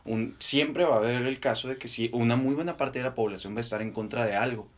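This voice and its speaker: A young man with a Mexican accent co-hosting a podcast, debating casually and deliberately in short, halting phrases. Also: mid-range voice. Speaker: podcast co-host.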